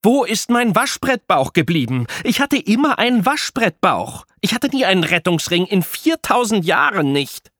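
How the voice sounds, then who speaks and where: Man doing a shrill wailing vain teen god. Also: normal speed, no room sound, studio quality, natural voice. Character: vain teenage god turned human, male, melodramatic.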